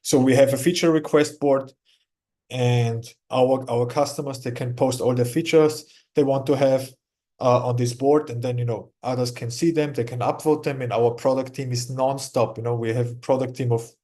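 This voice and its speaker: A man's voice: medium pitch, fairly even intonation, moderate pace, warm tone. A man from Austria with a German accent, a company executive speaking as a guest in a casual interview, often restarting and repeating words.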